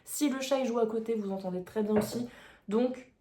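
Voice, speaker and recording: A young woman in her twenties, a book vlogger, talks excitedly about what she's been reading in a casual vlog shot at home on her phone. Her voice sits a little high and moves fairly quickly, with background noise and the echo of an indoor room picked up by the phone mic.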